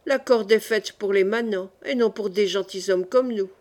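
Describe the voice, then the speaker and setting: A woman's voice: mid-range voice, moderate pace, close to an everyday voice. Woman reading as an earnest young nobleman. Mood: resolute. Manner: calm, stubborn, reasoning.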